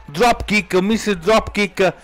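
An Italian man giving excited live play-by-play wrestling commentary as a commentator, urgent and exclamatory, stretching out stressed words. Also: sits high, soft background music. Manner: urgent, exclamatory, drawn-out stressed words, rising to shouts at key moments.

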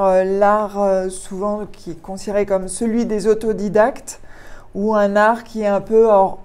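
A woman's voice: medium pitch, a little mellow, clean tone. A woman giving a museum lecture on art history, hesitant, with many fillers and restarts.

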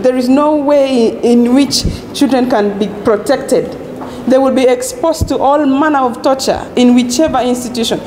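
Woman at a press scrum, high and dark-toned, urgent, echoey room. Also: a little hiss or hum. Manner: urgent, insistent. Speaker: interviewee. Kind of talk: press interview. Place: indoor office. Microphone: press microphones.

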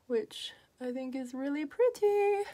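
A woman's voice: high-pitched, animated, unhurried, dark tone. A woman talking through a makeup tutorial in a chatty, upbeat way, with lots of fillers as she works. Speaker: makeup artist.

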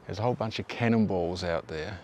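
An Australian man in his thirties, talking to camera out in the open with an easy, offhand manner. His voice sits low, and a faint outdoor hiss is heard behind him. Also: brisk. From Tasmania, Australia. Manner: relaxed, conversational, offhand asides. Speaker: local history video host. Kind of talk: casual on-location presenting. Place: outdoors by a river and on park paths.

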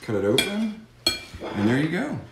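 In a home kitchen, a middle-aged fire safety educator gives a folksy, instructive cooking demonstration with safety tips for kids and parents. His fairly high voice is very animated and moves at normal speed. A camera mic across the room picks him up distantly, with echo and audible noise.

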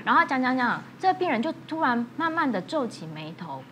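A woman obstetrician calmly recounting a patient case on a TV talk show, quoting the patient softly. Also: sits high, a little hiss or hum. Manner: measured, quotes patients in a softer voice. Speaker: obstetrician guest. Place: TV studio.

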